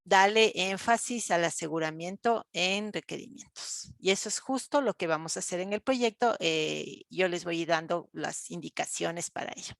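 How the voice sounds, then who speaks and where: A woman's voice: on the low side, normal speed, vocal fry, hardly any pauses, no room sound. A woman, lecturing an online class, explaining step by step with frequent fillers and check-ins to students. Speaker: university lecturer.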